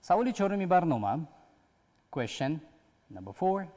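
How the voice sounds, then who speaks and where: A man's voice: high-pitched, very animated, warm tone. A man hosting a TV English lesson, patiently explaining grammar step by step. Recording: long hall reverb.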